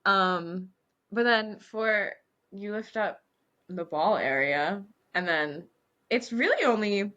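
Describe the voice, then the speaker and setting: A woman's voice: mid-range voice, slow pace, dull audio. A woman co-hosting a podcast who works as a waxer, chatting casually and telling stories candidly between frequent giggles. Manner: giggly, candid, animated storytelling. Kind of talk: casual chat.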